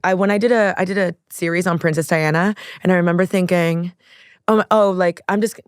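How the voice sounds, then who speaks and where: Lively woman telling stories. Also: fairly low pitch, brisk, clear, resonant tone, no room sound, clean studio sound. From Miami, USA. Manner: animated storyteller, acts out quotes, laughs often. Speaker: podcast guest. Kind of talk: casual chat.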